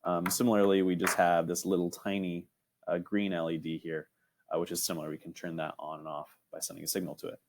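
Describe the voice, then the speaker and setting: A young man with a deep, low-pitched voice leads an online robotics lesson. He talks casually, with plenty of "um"s, and keeps checking in with his students by asking "right?". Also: flat delivery, quick pace, noisy background. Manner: casual, filler-heavy, frequent "right?" checks. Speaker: teacher.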